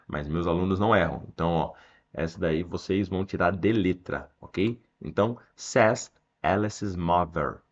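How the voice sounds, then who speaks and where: A man with a Brazilian accent teaching English, explaining a text line by line and reading the English sentences slowly. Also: lowish voice, lo-fi sound. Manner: slows down to read English sentences aloud.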